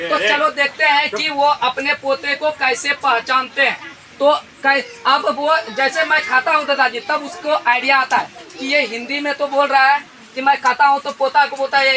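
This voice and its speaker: Male schoolteacher, high voice, quizzing pupils over a noisy crowded classroom. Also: bright, forceful tone. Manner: quizzes the class, tags questions with "re". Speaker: teacher. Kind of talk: classroom grammar lesson. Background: children's chatter and noise.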